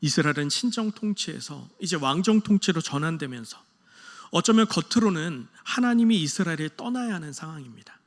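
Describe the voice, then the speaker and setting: A man, a pastor, preaching an early-morning prayer sermon earnestly, moving between loud emphasis and soft hushed lines. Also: fairly high pitch, animated, a little fast, long reverb tail.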